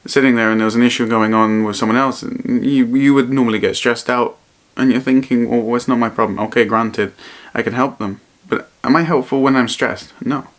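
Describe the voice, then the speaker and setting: A man vlogging in a reflective, personal way, speaking earnestly and haltingly and often repeating his phrases. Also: medium pitch, fairly even intonation. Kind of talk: personal vlog to camera, reflective talk.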